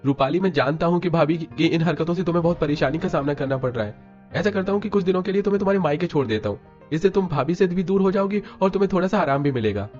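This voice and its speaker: A man voicing a patient young husband in an animated story, soothing and steady. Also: a little high, quick pace, voice pushed up, lightly acted. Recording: dull lo-fi with music.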